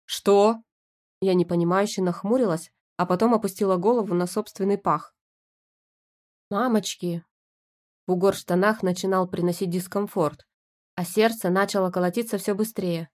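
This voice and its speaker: A woman narrating a first-person audiobook in a lively, expressive reading voice. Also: mid-range voice, a little fast. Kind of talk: scripted narration.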